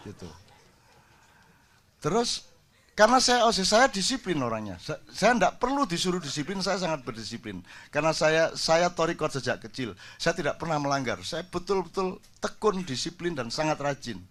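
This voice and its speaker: A man's voice: on the high side, sing-song, normal speed, a bit bright. An older man, telling jokey stories in a casual sermon to a gathering. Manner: jokey storytelling, switches into Javanese. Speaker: preacher.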